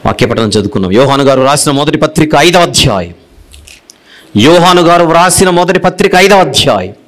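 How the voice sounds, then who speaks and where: Impassioned preacher with a lively voice. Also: male voice, fairly quick. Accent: Telugu. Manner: impassioned, swings between loud emphatic declarations and low hushed rebukes; repeats phrases for emphasis. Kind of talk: sermon.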